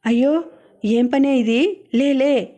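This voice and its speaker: Woman voicing a kind older lady of the house. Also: high-pitched. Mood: gentle coaxing. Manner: soft, coaxing, unhurried.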